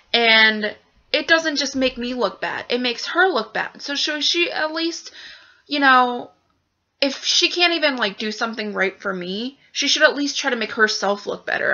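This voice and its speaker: A woman's voice: a little high, pushed and bright. A young woman venting frankly in a vlog, swearing often and full of fillers. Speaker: vlogger. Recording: dull lo-fi webcam audio.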